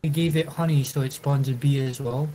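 A man calmly explaining his game strategy in a matter-of-fact way during casual play. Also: medium pitch, fairly quick, a little hiss or hum, low-quality recording. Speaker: gamer. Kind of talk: casual gameplay chat.

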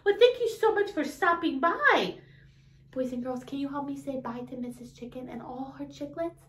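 A middle-aged woman hosting a lesson for toddlers, speaking in an exaggerated, encouraging way and pausing for answers. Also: high-pitched, echoey room, a little hiss or hum. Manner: exaggerated, encouraging teacher talk with questions and pauses for answers. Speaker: children's educational show host. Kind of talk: toddler lesson addressed to children.

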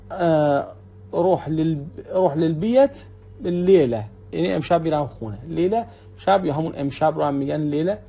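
A man with an Iranian Persian accent teaching Arabic dialect words, repeating each word slowly and calling the viewers his friends. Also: a little high, vocal fry, mellow, breathy edge. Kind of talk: vocabulary lesson with repetition.

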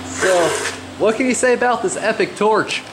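A man's voice: high voice, noisy background. A man filming in a metal workshop, reacting to the demonstration with short, enthusiastic remarks and questions. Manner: enthusiastic, quick to laugh. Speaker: camera operator and interviewer. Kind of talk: casual reactive chat.

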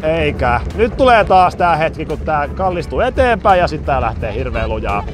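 A man vlogging at an amusement park, joking and shouting on the rides, his voice going hoarse. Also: a little high, music in the background. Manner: excited, jokey, shouts on rides. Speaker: YouTuber. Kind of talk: amusement park ride vlog. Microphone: action camera.

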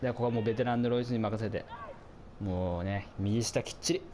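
A man doing casual commentary over a football video game, chatting to his viewers and reacting out loud to the plays, his voice getting hoarse. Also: fairly low pitch, fairly even intonation, fast talker, slight background noise. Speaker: gameplay commentator.

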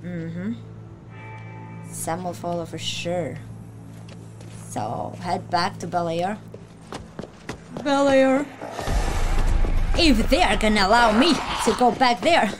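A woman streamer giving casual let's-play reaction commentary, excitable and quick to swear and talk back to the enemies on screen. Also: medium pitch. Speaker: gaming streamer. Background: game music.

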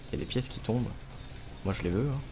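A man's voice: medium pitch, lively intonation, fast talker. A man, giving casual commentary on a gaming livestream. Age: 20s. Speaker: game streamer. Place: small room at home. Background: music.

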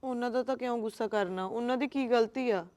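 An actress with a Punjabi accent playing a young wife who eloped, speaking quietly and earnestly about the taunts she suffers. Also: a little high, a little fast, lightly acted. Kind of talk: Punjabi short-film acting.

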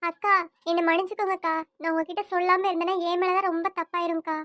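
Woman doing a squeaky-high village auntie, pleading and apologetic, dry close mic. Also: level tone, quick pace, fairly bright tone, dry recording. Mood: earnest. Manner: pleading, apologetic, repeats 'akka'. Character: worried village woman, family friend. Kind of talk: cartoon voice acting.

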